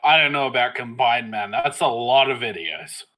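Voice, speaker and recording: A man's voice: mid-range voice, normal speed, sharp tone, low-quality recording. A man co-hosting a casual chat show, rambling with lots of fillers and laughing often. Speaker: co-host.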